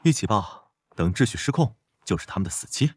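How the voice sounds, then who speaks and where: A calm, tough soldier husband. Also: male voice, fairly low pitch, brisk, slightly rough. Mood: steady. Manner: calm, clipped and assured.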